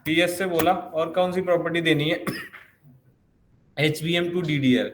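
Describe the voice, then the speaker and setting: A man's voice: fairly high pitch, steady tone, measured pace. A man teaching a programming lesson, explaining step by step and asking himself questions as he goes. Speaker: programming instructor. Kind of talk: coding lesson. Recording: echoey room with faint noise.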